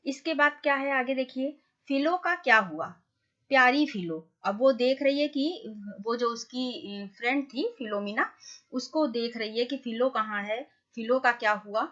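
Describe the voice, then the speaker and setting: A woman teacher reads a story to young pupils and keeps stopping to ask the class questions and explain. Her voice is bright and a little high. The recording is dull and lo-fi. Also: expressive, measured pace. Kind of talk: reading and explaining a school lesson to children.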